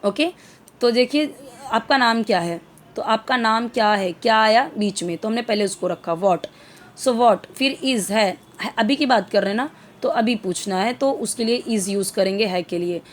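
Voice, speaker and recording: Woman, English teacher, slightly high voice, patient and halting, many fillers. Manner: explains slowly with many fillers, mixing Hindi and English. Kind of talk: Hindi-English language lesson.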